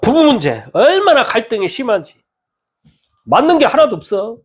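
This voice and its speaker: A male pastor preaching a sermon in a church, animated and acting out the voices of people he quotes. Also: extremely high pitch, normal speed, breathy edge. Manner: animated, acts out quoted speech with lively swings in tone.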